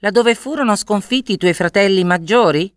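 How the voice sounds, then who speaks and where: A woman's voice: medium pitch, brisk, clean tone, no room sound, clean studio sound, pitched above the performer's own voice, lightly acted. A woman voicing a weary old father. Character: poor old father of three sons, weary and doubtful.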